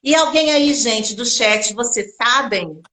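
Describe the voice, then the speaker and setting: Animated woman storyteller, echoey room. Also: fairly high pitch, takes it slowly. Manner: animated, addresses the audience directly. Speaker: storyteller and teacher. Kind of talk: live children's storytelling.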